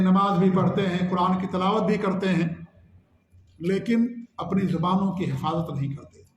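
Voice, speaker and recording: A man giving a monthly religious lecture, posing rhetorical questions, building repeated lists and reciting Arabic verses. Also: sits high. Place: religious gathering hall in Jubail. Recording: echoey hall with faint hum.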